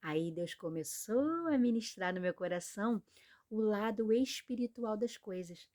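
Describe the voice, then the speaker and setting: A woman's voice: mid-range voice, lively intonation, a little slow, darkish tone. A young woman with a Brazilian Portuguese accent preaching a sermon in an earnest, conversational way, often checking in with her listeners. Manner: earnest, conversational, frequent tag questions.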